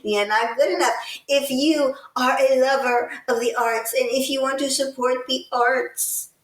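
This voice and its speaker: Woman host from Texas, higher voice, slow and pointed, echoey room, a bit off-mic. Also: fairly even intonation, recorded from a distance. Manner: deliberate, pointed, sarcastic criticism. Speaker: podcast co-host. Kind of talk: casual political commentary. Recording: roomy sound, set back from the mic.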